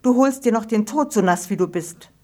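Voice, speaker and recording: A woman narrator voices a caring storybook mother who gives orders briskly and practically. She sounds concerned and firm, with a touch of warmth. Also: on the high side, pitched above the performer's own voice, natural voice.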